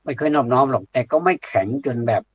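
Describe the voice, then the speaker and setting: A man's voice: medium pitch, animated, fast, breathy edge, dry recording. A man giving a plain-spoken, blunt public talk to an audience, hesitating often with fillers. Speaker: speaker addressing a community audience. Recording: dull lo-fi dry recording.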